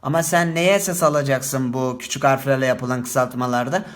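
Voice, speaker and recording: A male teacher giving a spelling lesson, talking straight to his students and stretching key words slowly for emphasis. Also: medium pitch. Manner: addresses viewers directly, lively teacherly tone.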